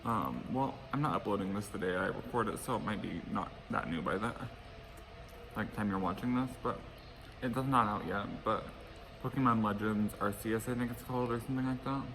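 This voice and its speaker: Guy with a kinda low voice eating fried chicken n rambling to viewers, lots of background noise outside. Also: a little fast, fairly bright tone. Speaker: vlogger hosting an eating show. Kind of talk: casual mukbang chat to viewers. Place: outdoors by a pool. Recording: clearly noisy outdoor ambience.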